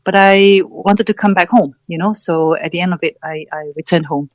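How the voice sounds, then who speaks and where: In a reflective personal interview, a middle-aged Malaysian founder and coach recounts her story as a podcast guest, pausing to search for words. She speaks at a normal speed in a lowish voice, and the recording is dry.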